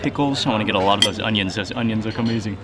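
Racing along in a lowish voice, a thirty-something man shoots a casual food and travel vlog with a handheld camera at arm's length, moving through a city, a boat ride and a restaurant. He's chatty and eager, savoring dishes aloud, while music runs underneath and the recording is very noisy.

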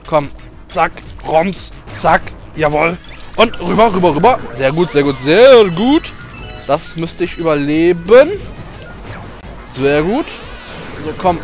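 A man doing let's play commentary, emotional and excitable, cheering, swearing and shouting at the game as he plays. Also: a little high.

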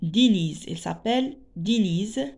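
A woman teaching children to read, sounding out syllables slowly and repeating each word. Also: medium pitch, expressive, gravelly, a little mellow, husky. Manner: adds Arabic translations. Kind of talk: reading lesson for young children.

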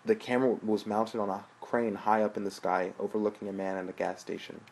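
A man narrating a story aloud in a steady, plain way. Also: on the low side, fairly quick, gravelly, poor audio. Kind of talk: audiobook narration.

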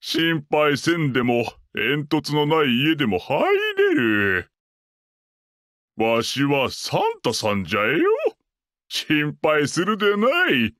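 An actor playing a jolly, gentle old Santa Claus who chuckles and talks in a grandfatherly way to a child. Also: a little high, expressive, no echo, studio quality. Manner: slow, chuckling grandfatherly speech.

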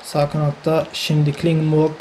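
A man's voice: a little high, completely flat delivery, normal speed, a little mellow, poor audio. A man commentating his own football video game as he plays, frustrated and grumbling, often repeating himself. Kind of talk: live gameplay commentary.

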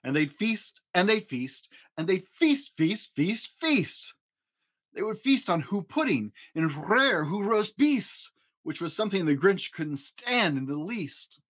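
Recording from a small home studio room, a dad who hosts and tells stories reads a children's tale in a high, fairly bright voice. He goes slowly, in a sing-song way, giving the words expressive, dramatic and playful emphasis.

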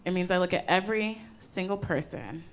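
Loud crowd laughter fills this live stand-up recording, where a young woman on stage uses a handheld microphone to tell conversational jokes with many ums. Her voice sits on the low side and moves fairly quickly.

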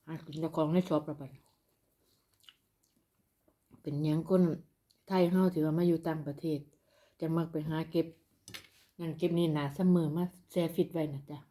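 A woman's voice: low voice, steady tone, moderate pace, long pauses, warm tone. A woman from northeastern Thailand with an Isan accent, chatting casually to her followers as she eats. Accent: Isan, northeastern Thai. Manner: talks while eating. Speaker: eating-show vlogger. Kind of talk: casual mukbang chat to followers.

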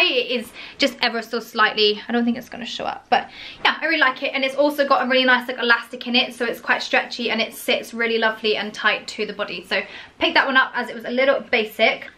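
A woman's voice: on the high side, pushed and bright. A young woman in her twenties, chatting casually and gushing about clothes in a home haul vlog, full of "like" and "so". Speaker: fashion vlogger.

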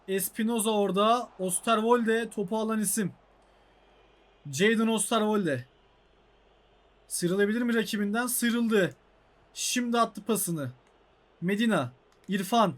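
A young Turkish man calls the action of a football video game in his own channel's let's-play. His voice sits high for a man, and he swings between quick match calls and exasperated outbursts at the game. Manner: excitable, frustrated outbursts at the game. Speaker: gaming YouTuber.

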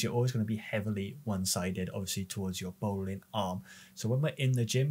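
A man's voice: fairly low pitch, slightly rough. A man, explaining gym exercises as a strength coach in a practical, plain way. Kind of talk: instructional workout voice-over. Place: large indoor gym.

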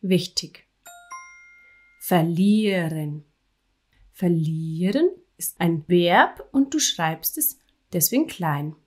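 A woman teacher giving a spelling dictation to children, articulating each word clearly and adding encouraging praise. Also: lowish voice, sing-song, takes it slowly, darkish tone.

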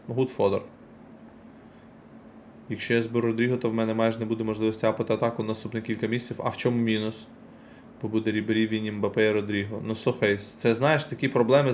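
There's slight background noise as a low-voiced man live-streams a football card game, opening packs and reacting. He chats easily with viewers, talking directly to chat with quick reactions.

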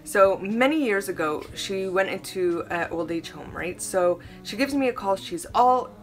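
A woman's voice: medium pitch, animated, measured pace, faint music behind. Chatty middle-aged woman narrating her art. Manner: chatty and rambling, self-described dramatic. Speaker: art vlogger. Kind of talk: casual voice-over narration.

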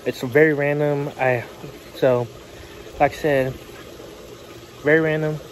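A man's voice: on the high side, fairly even intonation, slow pace, a little hiss or hum. A young man talking casually to the camera in a vlog, outdoors by a backyard pool, chatty and jokey. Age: young adult. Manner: chatty, jokey, yells out loud now and then. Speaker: vlogger.

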